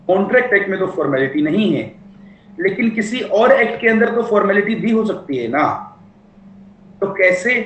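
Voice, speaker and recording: A man delivers a classroom lecture in a fairly high voice, joking with his students and stretching out key phrases as he dictates them. The room around him rings with echo. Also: a bit bright. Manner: playful, teasing, dictates points slowly. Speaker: law teacher.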